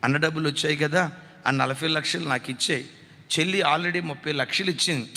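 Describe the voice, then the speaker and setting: A man voicing a scheming brother-in-law who smoothly coaxes his widowed sister-in-law for money. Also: on the high side, fairly quick, bright, forceful tone, long reverb tail, voice pushed down. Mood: coaxing.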